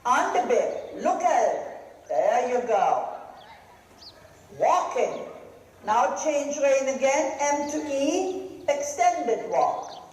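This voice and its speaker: Casting: riding coach, high and very lively voice, firing off brisk projected commands in short phrases. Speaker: riding instructor. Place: large echoey riding arena. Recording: very echoey hall, some noise.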